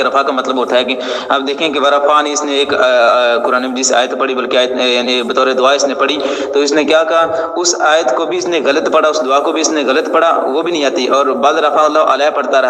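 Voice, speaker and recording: A man's voice: mid-range voice, fairly bright tone. A man, an Islamic scholar, giving a scornful, scolding polemical religious speech. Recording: echoey hall with long reverb.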